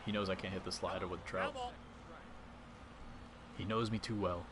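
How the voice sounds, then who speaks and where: This man commentates casually on the baseball game he is playing on stream, keeping up a chatty back-and-forth with viewers by reading and answering the chat. His voice is deep and steady at a moderate pace, with background noise present.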